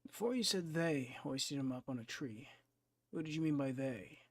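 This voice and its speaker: A man's voice: medium pitch, lively intonation, moderate pace, slightly rough. Man streamer reading game lines. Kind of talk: reading game dialogue aloud and commenting.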